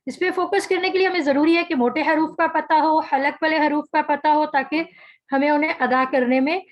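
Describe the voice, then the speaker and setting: A woman teaching an online tajweed class, saying each letter slowly and carefully, then patiently explaining how it is made. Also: high voice, poor audio. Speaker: Quran recitation teacher.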